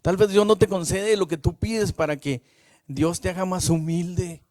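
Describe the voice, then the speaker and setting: A minister preaches in a fairly high voice, dry and close to the mic. He keeps the tone conversational and often checks in with the congregation. He builds to loud, repeated phrases. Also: fairly even intonation, moderate pace, dry recording. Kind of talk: sermon.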